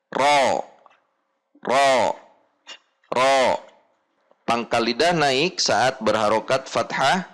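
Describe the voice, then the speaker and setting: A male recitation teacher explains letter sounds in a measured, very unhurried way. He pauses often and repeats short practice syllables so a learner can copy them. His voice sits at an ordinary middle pitch. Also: a bit bright. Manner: slow, deliberate, repeats sample syllables. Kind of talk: instructional lesson on letter pronunciation.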